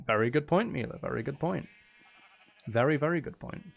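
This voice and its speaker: A livestream host chats casually with viewers while playing a game, trading playful, teasing, rambling banter and self-deprecating jokes alongside gameplay commentary. His mid-range voice is animated, gravelly, fairly bright, and a little fast.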